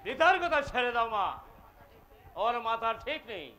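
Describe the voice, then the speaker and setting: A man's voice: very high voice, expressive, moderate pace, sharp tone, heavily acted. A man playing a scheming, resentful young prince in Bengali folk theatre, taunting and theatrical, with a Bengali accent. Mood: sulky. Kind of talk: historical Bengali jatra folk theatre acting.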